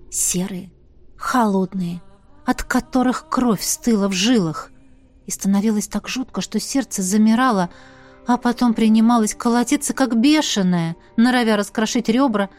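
A woman narrating a first-person fantasy story with dramatic delivery, dropping to a hush and rising to cries. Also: fairly high pitch. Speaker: audiobook narrator.

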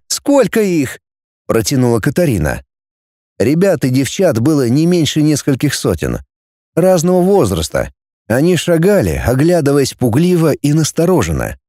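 A man narrating a novel as an audiobook, expressive and voicing each character. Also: medium pitch, dry recording, clean studio sound.

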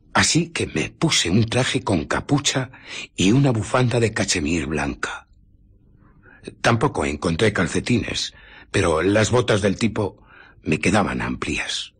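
A man with a Castilian Spanish accent playing an arrogant, amoral scientist who justifies himself in a radio drama, in a theatrical, deliberate storytelling manner. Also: lowish voice, fairly bright tone, breathy edge, exaggerated voice. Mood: wry, recounting. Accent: Spain.

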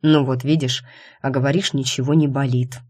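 A woman's voice: rumbling low, fairly even intonation, moderate pace, darkish tone, slightly rough. Storybook doctor husband, caring and insistent, read by a woman narrator. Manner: fussy and insistent about her health.

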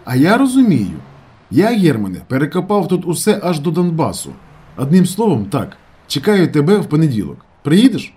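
A man's voice: a little high, huge pitch swings, moderate pace, mellow, slightly rough, voice pushed up, heavily acted. A man voicing a pushy, eccentric middle-aged airfield mechanic who talks insistently and conspiratorially.

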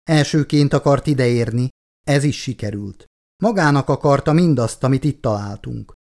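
A man's voice: mid-range voice, expressive, creaky, darkish tone. A man reading as a cold, stern commander.

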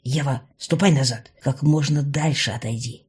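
A woman voicing a protective young male shapeshifter mage who speaks calmly and firmly. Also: rumbling low, moderate pace, breathy edge, voice pushed down, heavily acted. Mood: commanding.

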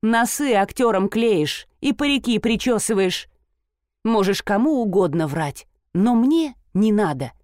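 A woman voicing a sharp-tongued wealthy mother who speaks in a caustic, dismissive way. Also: medium pitch, animated, a little slow, dry recording, studio quality, lightly acted. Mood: scornful.

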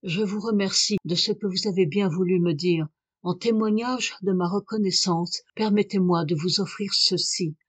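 A woman's voice: mid-range voice, normal speed, breathy edge, no echo, natural voice. A woman voicing an aristocratic male scholar, speaking with urgent, exalted passion. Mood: courteous, subdued.

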